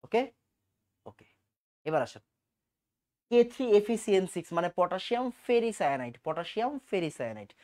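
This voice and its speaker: A man's voice: high voice, very animated, a little fast, long pauses, darkish tone. A man teaching a chemistry exam-prep lecture, drilling terms by repetition and answering his own questions.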